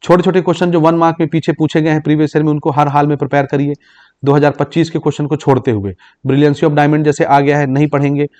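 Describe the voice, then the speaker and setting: A man's voice: a little high, little pitch movement, darkish tone. Man teaching, reading out exam questions. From Chhattisgarh, India. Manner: explains in Hindi mixed with English terms, repeating "ठीक" to check understanding; reads English exam questions slowly aloud. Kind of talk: exam-prep lesson.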